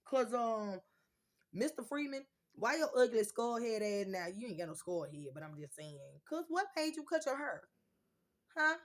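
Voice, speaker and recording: A woman's voice: a little high, big pitch swings, moderate pace. A woman in her thirties venting on her own video channel in a blunt, profane, heated way, her nose running. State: runny nose. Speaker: YouTuber. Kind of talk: unfiltered storytime vlog.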